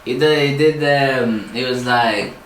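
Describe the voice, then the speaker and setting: A man's voice: measured pace, a bit bright. A man co-hosting a podcast, casually retelling comedy skits and slipping into voices from them. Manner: retells comedy skits, acting out lines in a high voice. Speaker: podcast co-host. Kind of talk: casual chat. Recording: echoey room with faint hiss.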